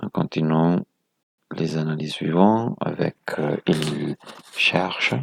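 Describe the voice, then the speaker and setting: Slow, gravelly low-voiced man teaching. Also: fairly even intonation, dry recording. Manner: methodical, counting items aloud, corrects himself. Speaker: presenter of a phonetics video lesson. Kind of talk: explaining a lesson step by step.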